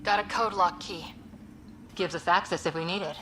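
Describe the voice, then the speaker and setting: Brisk female soldier, bright and clipped, game audio with a reverb tail. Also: lowish voice, steady tone, a little hiss or hum. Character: brisk young woman soldier on an expedition. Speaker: game character, squad member.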